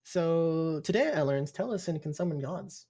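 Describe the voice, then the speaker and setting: A game master improvising tabletop game narration in an informal, halting way, mixed with casual chat. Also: medium pitch, animated, dark tone.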